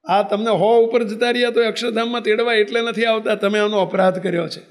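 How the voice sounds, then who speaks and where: Brief: man playing a commanding male deity, admonishing, in a high voice. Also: steady tone, fast, natural voice. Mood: stern. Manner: admonishing, authoritative. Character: stern, commanding divine lord, male.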